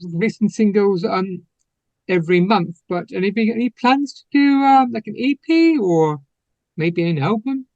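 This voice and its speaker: High-voiced hesitant male interviewer, dull dry sound. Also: animated, unhurried, a little mellow, dry recording. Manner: hesitant, with many ums and uhs. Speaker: radio interviewer. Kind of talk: interview questions.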